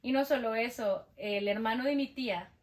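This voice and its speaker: A woman's voice: fairly high pitch, moderate pace. A young Mexican woman with a Mexican accent, telling a personal story in a casual interview and acting out what people said. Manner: lively, acts out quoted dialogue. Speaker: guest sharing testimony.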